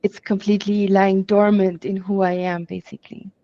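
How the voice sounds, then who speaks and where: A woman's voice: mid-range voice, flat delivery, moderate pace. Hesitant woman on dull call audio. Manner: hesitant, soft-spoken. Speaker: session participant. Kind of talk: casual answers in a call.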